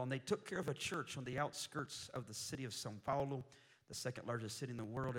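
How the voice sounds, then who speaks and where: A man preaching a sermon as a missionary, telling a humorous story in a jokey, animated way with sudden loud bursts. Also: mid-range voice.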